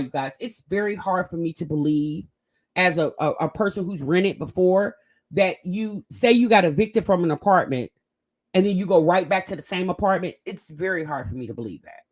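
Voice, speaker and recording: A woman with a fairly low voice hosts a casual reaction video for her commentary channel, reading the live chat and talking straight to her viewers. She is animated and fairly quick, stretching words out for emphasis.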